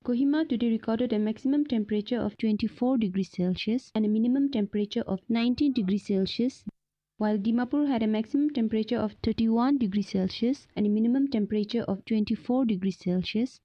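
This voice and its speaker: A woman's voice: a little high, fast talker, dull audio. A woman presenting a scripted weather report.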